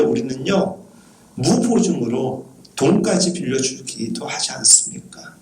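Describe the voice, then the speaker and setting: Earnest pastor preaching in a roomy space. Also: male voice, mid-range voice, a little hiss or hum. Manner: soft, earnest preaching with rhetorical questions. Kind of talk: sermon.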